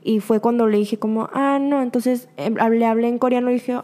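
A young Mexican woman hosting a podcast responds casually to a listener's voice message at a moderate pace, her pitch fairly high. She's animated, laughs a lot, and acts out the lines she quotes.

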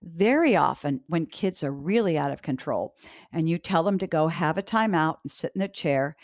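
A woman host giving parenting advice directly to parents, calm, firm and reassuring. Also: fairly low pitch, dry recording, studio quality.

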